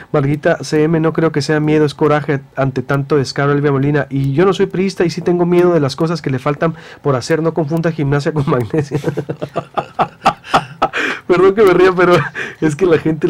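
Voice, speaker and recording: Brisk male radio host, slightly high. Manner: brisk, animated, reads comments aloud. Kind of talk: live radio talk, reading listener comments.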